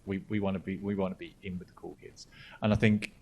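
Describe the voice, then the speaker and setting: A man hosts a podcast chat in a fairly low voice, rambling and jokey, starting his sentences over again and again. A faint rumble sits under his voice. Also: flat delivery, quick pace. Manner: jokey, rambling, with repeated restarts. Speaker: podcast host. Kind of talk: casual chat.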